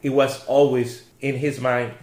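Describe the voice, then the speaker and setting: A man's voice: mid-range voice, flat delivery, unhurried, darkish tone. A man from a volunteer first aid squad telling stories in casual talk, animating the people he quotes. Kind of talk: casual storytelling. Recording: roomy echo.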